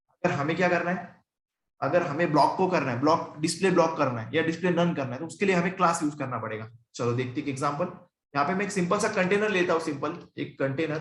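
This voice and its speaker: Chatty Indian coding teacher, slightly high voice. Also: male voice, fairly bright tone, roomy sound. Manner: conversational, asks and answers own questions, often checks in with "ठीक है". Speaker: programming teacher. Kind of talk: screen-recorded coding tutorial.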